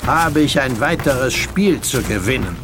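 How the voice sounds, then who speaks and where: A man's voice: medium pitch, animated, unhurried, noisy background, pitched above the performer's own voice, close to an everyday voice. A man voicing a boastful, commanding Elizabethan sea captain who mocks a stranger. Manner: crowing, commanding.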